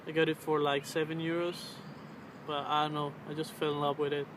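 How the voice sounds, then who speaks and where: A man in his twenties talks casually in a slightly high, fairly monotone voice, pausing and searching for words. He is outdoors on a camera's built-in mic, with clear traffic and ambient noise behind him. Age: 20s. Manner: hesitant, halting, searching for words. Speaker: vlogger. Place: outdoors on a riverbank under a road bridge. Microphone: camera's built-in mic at arm's length.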